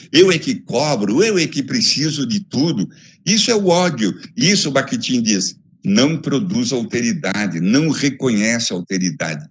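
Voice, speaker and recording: Over a phone video call, a man with a Brazilian Portuguese accent gives an academic lecture, emphatic and expressive, building his ideas through repeated lists. His voice is mid-range and husky.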